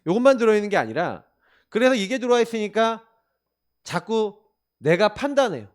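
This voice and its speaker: A man's voice: high voice, big pitch swings, normal speed. A male pastor giving a sermon in an emphatic, conversational way, asking the listeners rhetorical questions. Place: church.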